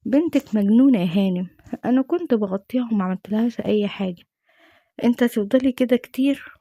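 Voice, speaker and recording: A woman's voice: a little high, steady tone, fast talker, dark tone, dry recording, clean studio sound. A woman voicing a sly, cold abusive father in a spoken story, with an Egyptian accent and a dismissive manner.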